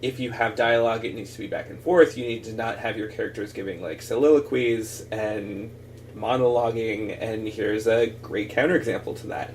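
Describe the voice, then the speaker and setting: A man's voice: lowish voice, fairly even intonation, moderate pace, far from the mic, slight background noise. A man co-hosting a podcast, talking casually about books with restarts and fillers. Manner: reads a passage aloud expressively, then chats with many fillers and restarts. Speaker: podcast co-host. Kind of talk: casual book discussion.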